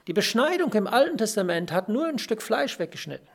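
A preacher giving an earnest sermon, stressing key phrases through repetition and pausing now and then to search for words. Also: medium pitch, big pitch swings, slightly rough. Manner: pauses to search for words with fillers. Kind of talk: sermon on a Bible passage.

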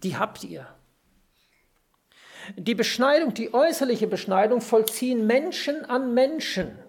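A preacher giving an earnest sermon, stressing key phrases through repetition and pausing now and then to search for words. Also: medium pitch, animated, creaky, breathy edge. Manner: pauses to search for words with fillers. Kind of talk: sermon on a Bible passage.

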